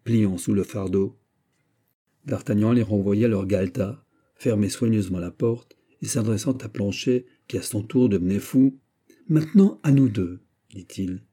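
A man with a French accent narrating a classic novel as an audiobook, measured and literary. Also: on the low side, mellow, slightly rough. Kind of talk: scripted narration.

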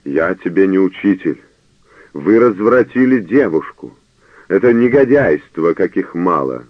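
A man voicing an old male canon who shouts and chokes with anger, on a narrow phone-like radio recording. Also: deep voice, very animated, unhurried, dry recording, exaggerated voice. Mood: furious. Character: old male canon, furious, sputtering with rage.

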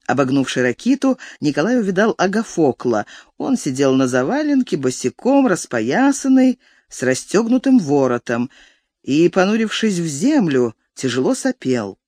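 A reader narrating a classic novel in an expressive, storytelling manner, recorded on a close studio mic. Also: mid-range voice, no echo. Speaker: audiobook reader.

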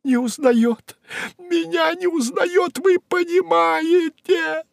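A man's voice: fairly even intonation, slow pace, gravelly, dry recording, clean studio sound, exaggerated voice. A man voicing a young, pretty female secretary who is hysterical and weeping, her voice a little nasal from crying. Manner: shrill, frantic exclamations. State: sobbing.

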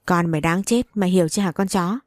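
A woman's voice: fairly low pitch, darkish tone, no echo, studio quality, lightly acted. A woman playing a foul-mouthed spiteful nurse. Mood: contemptuous. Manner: foul-mouthed, contemptuous, fast.

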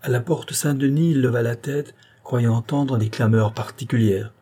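A man reading a classic novel aloud as an audiobook narrator, in a measured, dramatic delivery. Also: medium pitch, fairly even intonation, mellow. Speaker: audiobook reader. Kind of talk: scripted literary narration.

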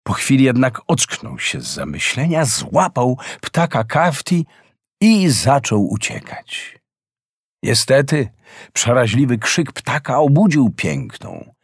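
A man reads a fairy tale aloud at an unhurried pace. His voice moves expressively up and down at a middle pitch. The recording is close and dry. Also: slightly rough, no room sound. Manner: expressive, measured storytelling. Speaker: narrator.

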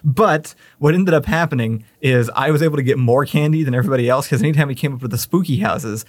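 A man's voice: medium pitch, fast talker, no echo. A young man co-hosting a casual podcast chat in an easygoing, self-deprecating way, chuckling as he tells stories. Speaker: podcast co-host.

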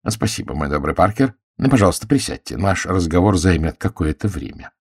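A man voicing a shrewd, courteous middle-aged detective who questions in a gentle, self-assured way, in an audiobook. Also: low voice, very animated, brisk, slightly rough, no echo, clean studio sound, full character voice. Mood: probing. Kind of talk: audiobook character voice.

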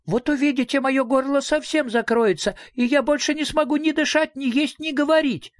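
A reader voicing a small, whiny, melodramatic girl creature in a storybook, high and tearful. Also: expressive, normal speed, no room sound, clean studio sound, natural voice. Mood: whiny, dramatic. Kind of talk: audiobook character voice.

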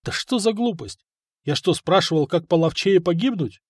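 A man's voice: high voice, expressive, moderate pace, husky, dry recording, studio quality, pitched above the performer's own voice. A man voicing an exasperated, sardonic young prince.

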